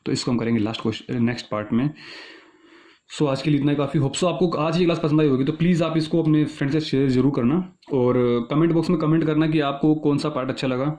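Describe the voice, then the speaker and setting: A man's voice: on the high side, warm tone. A male teacher, explaining exam logic step by step in an online lesson. He often checks whether students are following. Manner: reads statements slowly, then explains quickly.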